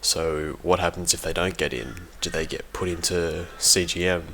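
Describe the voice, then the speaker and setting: Low-pitched and steady, this man's voice has a bright, forceful tone and moves at normal speed. He's a competitive gaming team member giving an audio log of casual, unscripted commentary, hesitant, informal and often correcting himself. There's a little hiss or hum.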